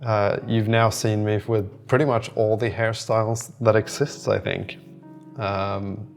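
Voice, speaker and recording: A man living in southern Sweden hosts a video diary about building a startup, chatting casually in a rambling, hesitant way from an indoor room beside a window. His lowish, gravelly voice barely shifts in pitch and runs a little slow, with faint music in the background.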